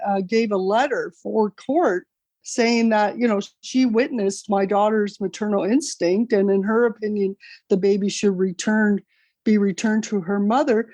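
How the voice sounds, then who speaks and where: A woman's voice: mid-range voice, dark tone, no echo. A middle-aged woman, Italian her first language, earnestly and hurriedly telling her story as an interview guest, often restarting her sentences. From Canada. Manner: earnest, rushed retelling with many restarts. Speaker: guest, author. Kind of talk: interview over a call.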